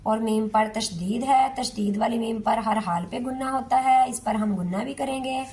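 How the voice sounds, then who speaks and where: A woman teaching Quran recitation to beginners, patiently repeating and stretching each syllable in a slow step-by-step lesson. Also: a little high, mellow, a little hiss or hum.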